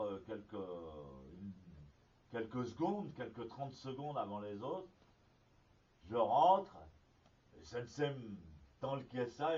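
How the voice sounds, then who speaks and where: A man from France gives a spoken zen teaching, drifting through an anecdote with pauses, fillers and restarts. His voice sits at an ordinary middle pitch. It is heard from well back in the room on a muffled, lo-fi archive recording. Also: a little mellow. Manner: halting, with frequent restarts and fillers. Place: meditation hall. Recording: distant, dull lo-fi archive recording.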